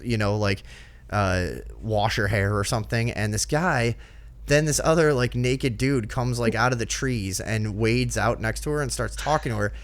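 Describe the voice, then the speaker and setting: A man's voice: mid-range voice, normal speed, no room sound. A man co-hosting a podcast, swearing and acting out the people in his story as he tells it in casual chat. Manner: profane, animated retelling with quoted voices. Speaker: podcast co-host.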